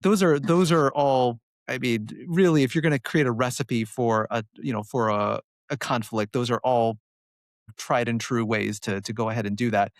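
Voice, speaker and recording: A man's voice: medium pitch, steady tone, normal speed, no room sound, clean studio sound. A man from Connecticut hosting a podcast interview, asking long questions that wander and correct themselves. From Connecticut, USA. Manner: rambling, self-correcting questions. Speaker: podcast host.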